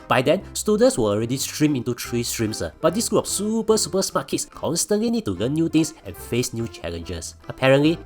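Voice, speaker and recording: A man with a Singaporean accent hosting a casual Singlish explainer, using lots of colloquial sentence-final particles. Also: medium pitch. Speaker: explainer video host.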